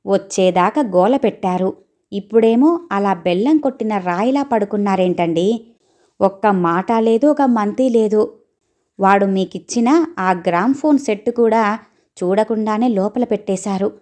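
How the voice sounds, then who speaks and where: A woman voicing a bustling middle-aged mother in a read-aloud storybook, talking in a brisk, scolding way. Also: mid-range voice, darkish tone, close to an everyday voice.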